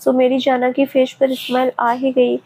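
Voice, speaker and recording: A woman's voice: high voice, monotone, unhurried, warm tone, slight background noise. A woman reading as a teasing, protective young lover. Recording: tinny phone-like sound.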